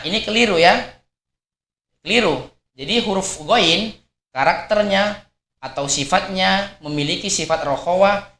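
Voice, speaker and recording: A man's voice: high-pitched, fairly bright tone. Man teaching in an echoey room. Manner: patient, repeats points and models each sound aloud. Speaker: Quran recitation teacher. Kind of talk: explanatory religious lesson.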